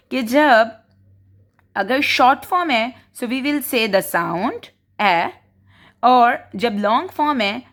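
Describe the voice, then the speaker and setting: A woman's voice: mid-range voice, a bit bright. A woman, explaining spelling rules to parents in a home-schooling lesson and mixing English words into her talk. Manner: slow, explanatory, mixes English words into Hindi.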